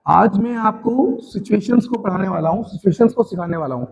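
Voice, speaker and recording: An Indian man teaching a spoken English class in Hindi, slowly drilling tongue twisters and encouraging his students like a caring teacher. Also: sits high, animated, creaky, a little mellow, poor audio. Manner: addresses students as "beta", encouraging.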